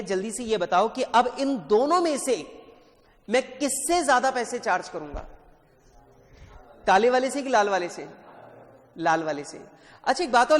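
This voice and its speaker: High-voiced man teaching a lively lecture. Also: long reverb tail. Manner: lively, keeps quizzing students and calling them beta. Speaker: CA exam tutor. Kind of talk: classroom lecture.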